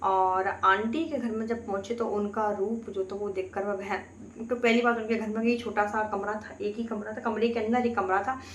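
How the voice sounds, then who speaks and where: Woman storyteller, earnest first-person recounting, medium pitch, echoey room. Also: steady tone, moderate pace, slight background noise. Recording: roomy echo, faint ambience.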